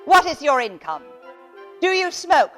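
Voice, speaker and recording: An imperious noble lady from a stage comedy. She is pompous and probing, with a high, animated voice and slow delivery over faint music. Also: full character voice. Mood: haughty, probing. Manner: pompous, deliberate, interrogating. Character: imperious, haughty aristocratic lady interrogator. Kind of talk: comic stage monologue.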